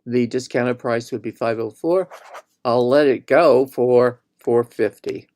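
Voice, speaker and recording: A painter casually guides viewers through his own online exhibition on a live gallery tour, rambling and thinking out loud with restarts. His voice is medium-pitched and darkish, steady in tone, and unhurried.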